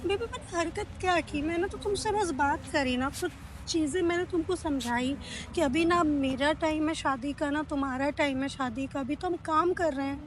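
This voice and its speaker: A woman's voice: high-pitched, moderate pace, a little hiss or hum. A young woman arguing with her boyfriend in a pleading, apologetic way. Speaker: girlfriend in prank video.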